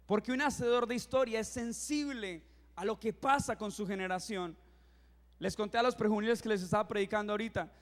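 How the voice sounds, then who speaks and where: A young man in his twenties, a youth pastor, preaching a sermon and telling funny stories, acting out his own reactions with lively energy. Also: high-pitched, a little fast. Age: 20s. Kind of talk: sermon with humorous storytelling. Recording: reverberant hall.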